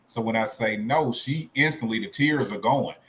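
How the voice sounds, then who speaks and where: A man's voice: mid-range voice, moderate pace, fairly bright tone. A man hosting a casual podcast chat, easygoing, with self-mocking humor. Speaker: podcast host.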